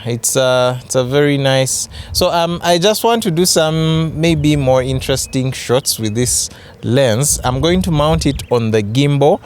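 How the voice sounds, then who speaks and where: Young male vlogger, Ugandan accent, clear voice, unhurried casual review delivery with hesitant repeats. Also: medium pitch. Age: young adult. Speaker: photography vlogger. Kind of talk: casual camera review vlog. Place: open grassy yard outdoors.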